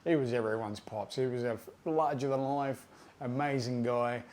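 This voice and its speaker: A man in his fifties spins a loose, conversational yarn at an everyday mid pitch. His delivery is easygoing and salty, peppered with "you know" and "like" as he drifts between details. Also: fairly even intonation, normal speed, a little mellow, slight background noise. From Australia. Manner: laid-back, profane, conversational with fillers. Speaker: tattoo artist storyteller. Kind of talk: casual anecdotal storytelling.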